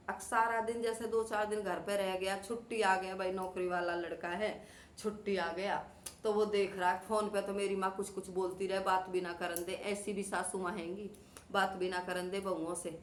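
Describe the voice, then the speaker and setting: A woman's voice: medium pitch, steady tone, normal speed. A woman talking earnestly to her viewers in a casual vlog, acting out family quarrels as she lectures. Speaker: vlogger. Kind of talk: casual talk to camera. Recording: echoey room, faint background noise.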